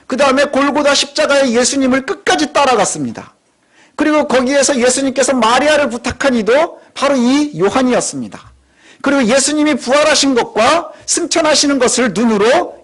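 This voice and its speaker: Man, pastor, sermon, high voice, lively pitch, conversational, emphatic, rhetorical questions.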